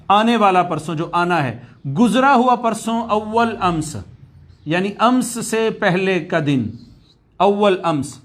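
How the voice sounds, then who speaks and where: A man gives a recorded language lecture. He keeps going back over key words, stretching them out slowly so students can drill them. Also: high-pitched. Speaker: Arabic language teacher.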